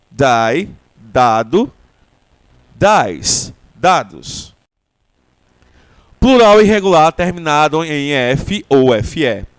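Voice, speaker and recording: A Brazilian man with a Brazilian Portuguese accent, teaching an English lesson at an unhurried pace. His pitch sits a little high and swings widely as he stresses each example word. The sound is dry and close. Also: smooth, dry recording. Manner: slow, deliberate explanation with repeated example words. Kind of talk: language lesson.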